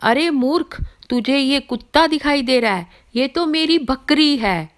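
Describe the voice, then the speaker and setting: A woman voicing an irritable, easily confused male village priest in an audio story, scolding and shouting in disbelief. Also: medium pitch, a little slow, close to an everyday voice. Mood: indignant.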